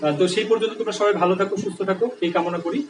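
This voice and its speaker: A male teacher with a high, quick voice walks students through a grammar lesson step by step, checking often that they follow. He sounds set back from the mic in an echoey room with a faint hum of noise. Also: fairly even intonation, recorded from a distance. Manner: explanatory, with frequent checks like "right?". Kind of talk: online Bangla grammar lesson.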